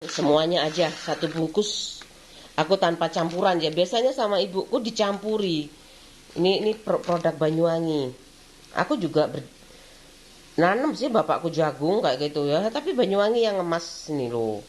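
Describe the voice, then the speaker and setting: A woman's voice: fairly low pitch, animated, moderate pace, a little mellow, a little hiss or hum. A middle-aged woman, chatting casually in a vlog, rambling and laughing often as she talks. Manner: rambling, frequent laughter, repeats "kayak gitu". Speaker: vlogger.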